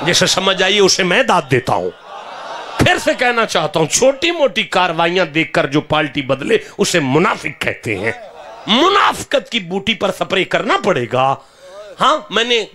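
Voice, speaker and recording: A man with a Pakistani Punjabi accent preaches to a live gathering in a high, bright voice. His pitch swings widely as he questions the listeners, then rises into fervent shouting. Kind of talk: impassioned religious sermon.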